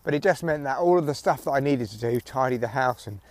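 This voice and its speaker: This is a fast-talking, mid-range male voice in a dry recording: a middle-aged British comedian and podcast host walking outside in the evening. He swears and jokes wryly in a casual, rambling solo chat, his headphones near his neck serving as the mic.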